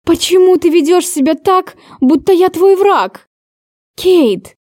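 A woman's voice: very high-pitched, slow pace, warm tone, dry recording, clean studio sound, pitched above the performer's own voice. A woman playing a tearful pleading young woman. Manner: pleading, voice raised and trembling. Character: hurt young woman pleading, near tears.

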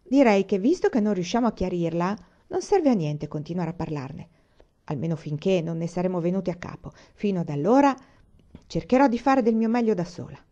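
A stubborn, sullen orphan girl who talks bluntly and plainly, as a woman reading aloud puts her on. The voice sits mellow and warm rather than bright. The recording sounds slightly dull and lo-fi. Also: fairly low pitch, expressive, brisk, lightly acted.

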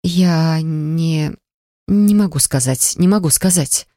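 Woman doing a shy secretive girl, lowish voice, dry, keeps dodging. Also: slow pace, no echo. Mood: evasive. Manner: evasive, guarded, hushed. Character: flustered shy young woman hiding a secret.

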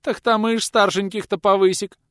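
Frightened peasant women wail and plead in high, shrill voices, put on by a male narrator. The pitch jumps well above his own, and the sound is dry and close. It is an audiobook reading. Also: fast talker, clean tone, no room sound, close to an everyday voice. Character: frightened peasant women, older woman wailing.

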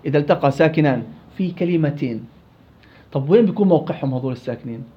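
A man's voice: fairly high pitch, animated, very fast, slight background noise. A man teaching tajweed rules to a class, quizzing students and drilling examples aloud. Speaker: Quran recitation teacher. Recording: dull lo-fi classroom recording.

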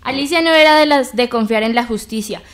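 A woman narrating an amateur audio story in a measured, dramatic reading voice. Her pitch is a little high, with faint background hiss. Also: fairly bright tone.

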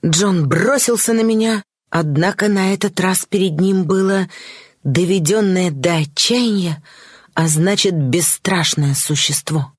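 Woman narrating a storybook, lowish voice. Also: a little slow, breathy edge, no echo, studio quality. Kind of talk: audiobook narration.

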